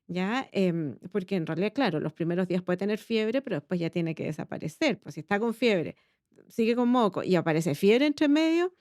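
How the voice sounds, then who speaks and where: Chilean woman pediatrician, mid pitch, patient explainer, dry close mic. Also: lively intonation, fairly quick, a little mellow, no echo. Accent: Chilean Spanish. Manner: explains patiently, frequent tag questions. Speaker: pediatrician, podcast host. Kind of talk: casual medical chat.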